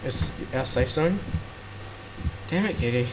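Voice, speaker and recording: A man's voice: mid-range voice, lively intonation, measured pace, very noisy. A young man chatting nervously while playing a horror game with a friend, swearing and reacting jumpily. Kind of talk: casual let's-play chat. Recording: game music loud behind voice.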